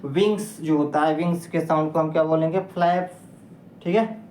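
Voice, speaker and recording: A woman's voice: low-pitched, moderate pace, mellow. A woman teaching English vocabulary in a patient lesson, spelling words out letter by letter and quizzing her listeners. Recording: echoey room with faint noise.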